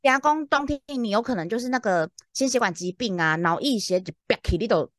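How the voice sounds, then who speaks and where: A woman's voice: fairly high pitch, animated, a little fast, a bit bright, no echo, studio quality. A young woman telling a story in casual podcast chat, laughing and acting out the dialogue she retells. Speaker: podcast co-host.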